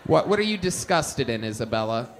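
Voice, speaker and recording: A man hosting a live comedy show, loud and teasing, often shouting and laughing into a handheld mic on a club stage. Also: mid-range voice, sing-song, brisk, a little hiss or hum.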